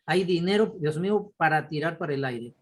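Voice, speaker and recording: A brisk man with a fairly high voice, from Ecuador, chats casually in an online class where he's a course participant. He tells examples in an animated, apologetic way, exclaiming as he goes, like a relaxed video-call discussion.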